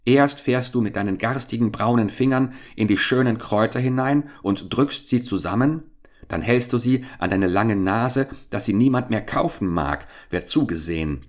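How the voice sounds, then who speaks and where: A man's voice: medium pitch, moderate pace, pitched above the performer's own voice, natural voice. A man reading a fairy-tale audiobook, voicing a bold little boy who scolds an old woman indignantly.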